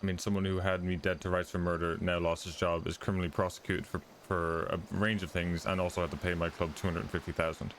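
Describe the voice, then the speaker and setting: A man's voice: sits low, flat delivery, quick pace, few pauses, a little hiss or hum. A man talking in character as a motorcycle club member in a roleplay, blunt, firm and given to swearing.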